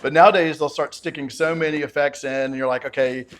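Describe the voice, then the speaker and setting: A man's voice: a little high, steady tone, quick pace, fairly bright tone. A man in casual podcast conversation, talking at length with enthusiasm and telling stories. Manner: talkative, enthusiastic storyteller. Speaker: podcast guest, film critic.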